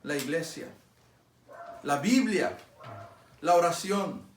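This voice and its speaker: A man's voice: fairly high pitch, expressive, takes it slowly, reverberant, slight background noise. A man preaching a sermon as pastor, earnest and pleading, asking his listeners many direct questions. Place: church sanctuary.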